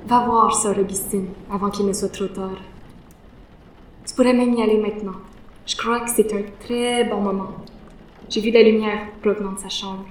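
A woman playing a calm, gentle confidante at a boarding school who speaks softly and reassuringly in an audio drama. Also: medium pitch, normal speed, a little hiss or hum, lightly acted. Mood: soothing. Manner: soothing, soft-spoken, even. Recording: roomy, distant mic.

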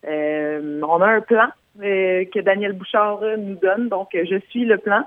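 A woman answering interview questions as a guest boxer, relaxed and hesitant with fillers. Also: medium pitch, measured pace, dry recording. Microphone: phone. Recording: tinny phone line.

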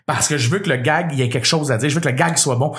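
A man's voice: fairly high pitch, rapid-fire. A man with a Québécois accent, a comedian telling a story on a podcast with lots of swearing. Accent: Québécois French. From Quebec. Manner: animated, profane storyteller. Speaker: comedian guest.

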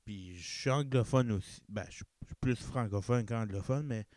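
The podcast host, a young man from New Brunswick, Canada, talks on his own in a rambling way, fixing his own words and mixing English into his Chiac-accented Acadian French. His low-ish, slightly mellow voice moves at a moderate pace, in studio-quality audio with no room sound.

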